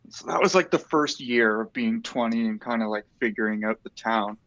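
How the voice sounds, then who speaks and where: A man, chatting casually and telling a relaxed, rambling story with the odd swear word. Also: mid-range voice, moderate pace, dry recording, lo-fi sound. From Ontario, Canada. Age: 30s. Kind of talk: casual chat.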